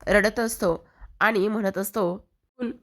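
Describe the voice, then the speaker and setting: A woman narrating a retelling of a TV serial episode in a steady storytelling manner. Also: lowish voice, moderate pace.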